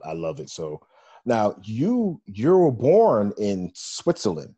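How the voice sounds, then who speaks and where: A man's voice: on the low side, huge pitch swings, slow pace, dark tone, husky. A man hosting a casual radio interview, rambling with many fillers and restarts. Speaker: radio show host.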